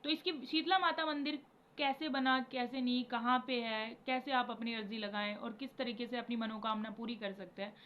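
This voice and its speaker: A tired young woman talking casually and rambling to her viewers about devotion, mixing English words into her Hindi and chanting repeated syllables now and then. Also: a little high. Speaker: spiritual vlogger. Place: home. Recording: dull lo-fi recording with faint background noise.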